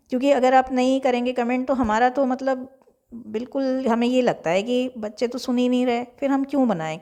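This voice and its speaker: A young Indian woman teacher giving an exam revision lecture, explaining slowly and repeating key terms. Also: fairly high pitch, darkish tone.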